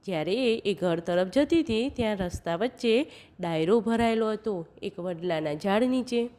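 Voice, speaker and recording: A woman narrating a children's story, chanting a repeated refrain slowly and talking to the kids directly. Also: mid-range voice, lively intonation, warm tone.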